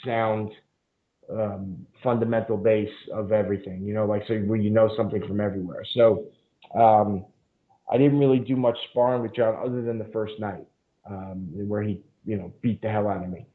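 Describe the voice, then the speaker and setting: A lowish, fairly evenly intoned voice at a moderate pace tells long casual stories on a podcast. He's a jiu-jitsu instructor who rambles, with frequent fillers and profanity, in an interview recorded with phone-like narrow-band sound.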